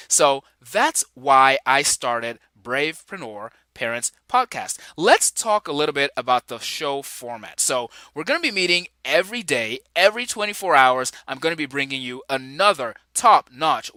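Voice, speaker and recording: Speaking at normal speed with few pauses, a Nigerian host in his forties kicks off his solo podcast in an upbeat, enthusiastic way, dropping chuckling asides. His medium-pitched voice is animated, pushed and bright, and the recording is dry.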